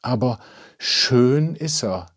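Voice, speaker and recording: A man's voice: mid-range voice, sing-song, slow, darkish tone, husky, pitched above the performer's own voice, exaggerated voice. A man doing a dreamy, sighing village woman. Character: dreamy, stout village woman who sighs.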